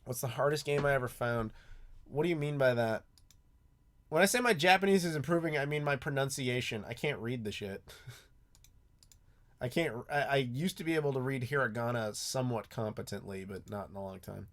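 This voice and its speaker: Medium in pitch and moderate in pace, an American man from the US hosts a live YouTube Q&A, chatting loosely with many ums and restarts. A clacking mechanical keyboard can be heard through his desk microphone.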